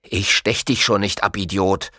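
A man's voice: low-pitched, steady tone, a little slow, sharp tone, dry recording, studio quality. A man reading a story aloud, voicing a scrawny young male swindler who snaps orders harshly. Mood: harsh, commanding. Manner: harsh, snapping.

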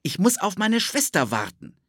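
Anxious young boy, raised pitch, urgent pleading, played by a male reader. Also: huge pitch swings, normal speed, fairly bright tone, dry recording, studio quality, full character voice. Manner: worried, urgent. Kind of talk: audiobook character voice.

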